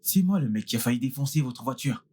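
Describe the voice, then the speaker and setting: A man's voice: mid-range voice, animated, quick pace, mellow, natural voice. A man playing an apologetic, affable character in dubbed film dialogue, placating and repeating himself. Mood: friendly.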